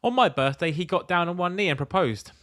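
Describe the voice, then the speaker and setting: A podcast co-host reads out letters and reacts in casual comic chat, blunt, sweary and incredulous. His voice is high and fairly bright, with lively intonation and a fairly quick pace.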